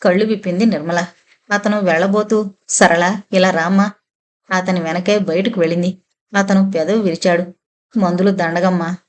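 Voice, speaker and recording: A woman's voice: lowish voice, fairly even intonation, normal speed, long pauses. A woman narrating a novel as an audiobook, reading every character's lines in her own voice. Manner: reads all characters' dialogue in her own voice.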